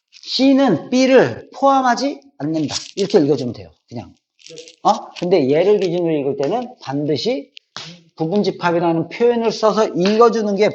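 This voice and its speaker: Lively high-voiced male math teacher. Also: lo-fi sound, slight background noise. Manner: lively, repeats key points, checks understanding. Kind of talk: classroom math lecture. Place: classroom.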